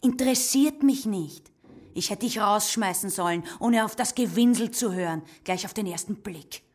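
Woman doing a bitter husky young mom, curt and cold, radio play. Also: medium pitch, moderate pace, darkish tone, lightly acted. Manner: curt, contemptuous. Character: bitter young unwed mother, hardened. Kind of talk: radio drama acting.

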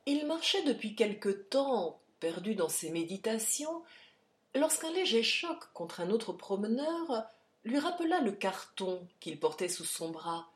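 A woman narrating a classic story as an audiobook reader, in an expressive reading manner. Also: fairly high pitch, a little slow. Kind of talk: scripted narration.

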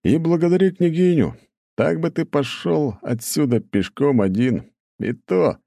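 Man doing a cocky blunt young guy, mocking, kinda high. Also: expressive, measured pace, creaky, mellow, no room sound, clean studio sound, full character voice.

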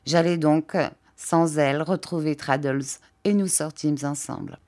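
A woman with a fairly low voice reads a classic novel aloud. Her narration is measured and steady, in first person, with calm even pacing. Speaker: audiobook reader. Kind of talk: literary audiobook narration.

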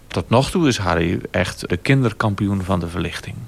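A man giving reflective radio commentary, speaking thoughtfully with pauses. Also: sits low, expressive, gravelly. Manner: thoughtful, pausing with fillers.

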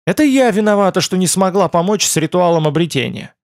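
A man voicing an anxious young woman, raised pitch. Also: fairly quick, dry recording, clean studio sound, lightly acted. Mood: fretful. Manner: soft, fretful.

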